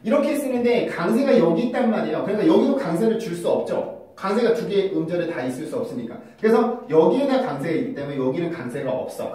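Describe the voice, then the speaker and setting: Recorded from a distance on a phone camera fitted with a mic, in a very echoey room, a man gives a casual video lesson on English pronunciation. His voice is a little high and mellow. He explains patiently, moving between polite and casual speech.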